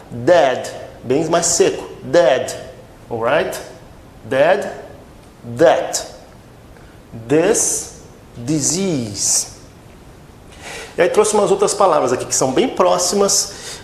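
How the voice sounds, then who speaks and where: A man from Brazil teaching English pronunciation, repeating each word slowly and checking in with his students after every few words. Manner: slow, repeats words for drilling, frequent "tá?" and "ok?" checks. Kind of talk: pronunciation lesson. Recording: echoey room with faint rumble.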